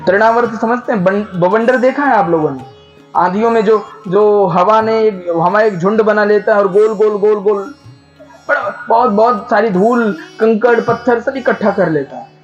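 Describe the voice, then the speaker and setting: A man preaching a devotional sermon, telling a sacred story and urging the audience with animated questions. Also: sits high, normal speed, muffled recording, faint music behind. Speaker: katha preacher.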